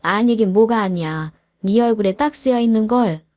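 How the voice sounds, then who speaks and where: A woman's voice: medium pitch, normal speed, a little mellow, no room sound, clean studio sound, lightly acted. A woman voicing a blunt, worried middle-aged mother who scolds her son-in-law in a storybook reading. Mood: scolding. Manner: blunt, nagging questions.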